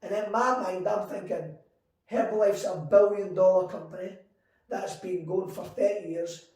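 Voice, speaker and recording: A man in his forties telling his story in an interview, animated and acting out quoted conversations. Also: high-pitched, normal speed. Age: 40s. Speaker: guest entrepreneur. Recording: echoey room, mic at a distance.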